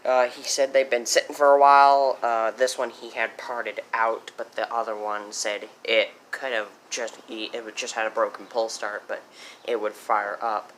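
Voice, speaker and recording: A teenage boy talks through his finds in a casual, rambling way, often stopping to correct himself. His voice is bright and sharp. He records on a handheld phone with faint noise behind him. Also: mid-range voice, moderate pace. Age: teens. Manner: rambling, self-correcting, easily excited. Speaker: small engine vlogger. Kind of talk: casual vlog.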